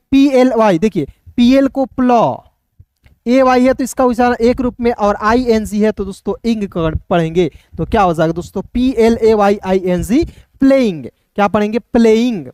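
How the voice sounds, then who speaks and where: A man's voice: high voice, a little mellow, smooth, no echo. Male online teacher, patient drill style, spells letters then answers his own questions, dry close sound. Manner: keeps addressing viewers as friends. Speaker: English teacher. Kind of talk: online classroom lesson.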